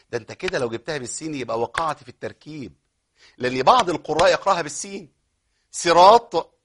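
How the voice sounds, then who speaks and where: A man with an Egyptian Arabic accent gives a recitation lesson in a slightly higher voice. His tone is husky. He breaks off his explanations to sound out words slowly and repeat them. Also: a bit bright. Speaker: Quran recitation teacher. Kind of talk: tajweed lesson with recited examples.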